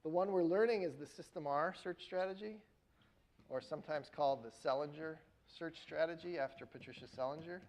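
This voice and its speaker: A man's voice: a little high, fairly quick, a little mellow, poor audio. Man lecturing a class, checking in often. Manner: explains step by step, often checks in with "right?" and "okay?". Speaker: university lecturer. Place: lecture hall.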